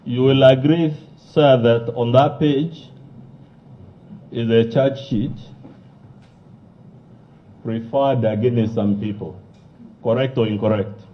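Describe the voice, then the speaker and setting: A man, a lawyer cross-examining a witness with forceful, combative questions. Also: medium pitch, steady tone, slow pace, long pauses. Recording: muffled lo-fi broadcast audio.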